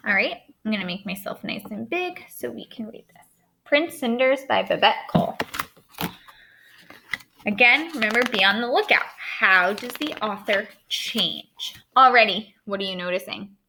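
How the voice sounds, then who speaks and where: Teaching writing remotely to her elementary pupils, a woman reads a storybook aloud, explains, and puts questions straight to them. She has a fairly high, bright voice with a forceful tone, and there is a little hiss or hum in the recording.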